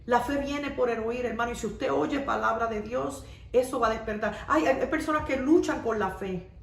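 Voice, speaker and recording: A woman pastor preaches in an earnest, repeating cadence, weaving personal testimony into the message. Her voice sits a little high and sounds set back from the mic in an echoey room. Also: normal speed, vocal fry, distant mic. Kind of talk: radio sermon.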